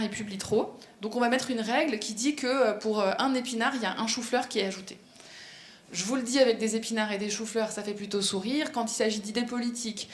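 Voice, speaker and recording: A woman's voice: medium pitch, a little hiss or hum. A woman giving a conference talk and answering questions, explaining at length with frequent hesitations and fillers. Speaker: speaker at a professional conference. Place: conference room. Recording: echoey conference room.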